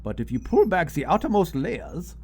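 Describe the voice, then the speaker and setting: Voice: medium pitch, very animated, moderate pace, a little mellow, slight background noise. An actor playing an awkward, well-meaning, rambling crew member in a comedic audio drama. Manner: rambling, tangential.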